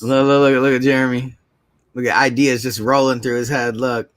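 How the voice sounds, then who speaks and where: Male co-host, bright forceful tone, excitable, repeats himself. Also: medium pitch, a little fast. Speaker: live-stream co-host. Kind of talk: casual live-stream chat.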